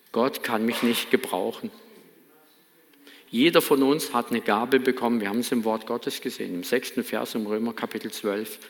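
A man preaching a sermon in a church, earnest and emphatic, with a light Baden accent. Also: mid-range voice. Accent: Baden German. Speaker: pastor. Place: church hall. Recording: reverberant church hall.

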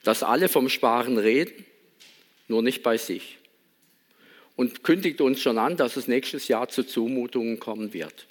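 A man's voice: medium pitch, a little slow. A man giving a sermon in a reflective manner, asking many rhetorical questions and reading a Bible passage. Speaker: pastor.

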